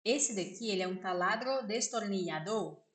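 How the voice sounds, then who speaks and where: A Brazilian woman with a Brazilian Portuguese accent gives a casual spoken lesson, slowly repeating words and often checking with "né?". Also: mid-range voice, expressive. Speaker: vlogger teaching vocabulary. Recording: echoey room.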